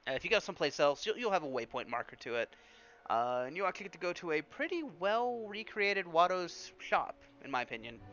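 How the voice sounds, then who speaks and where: A man's voice: fairly high pitch, big pitch swings, brisk, fairly bright tone, highs cut off. A man hosting a let's play, giving chatty, casual game commentary full of fillers.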